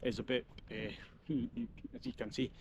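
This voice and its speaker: A man's voice: medium pitch, big pitch swings, unhurried, creaky, muffled recording. A man who is a native Dari Persian speaker talks casually to camera as a hiking vlogger, outdoors in strong wind. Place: outdoors on a windy hillside. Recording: wind noise buffeting the microphone.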